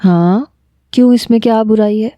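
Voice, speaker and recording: A woman's voice: on the high side, no echo, highs cut off, natural voice. A woman reading the lines of a lovestruck young woman talking to a friend on the phone, smiling and candid.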